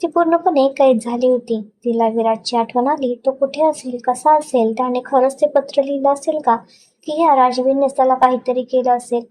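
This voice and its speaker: A woman narrating a dramatic love story in a steady, even reading style. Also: high voice, moderate pace.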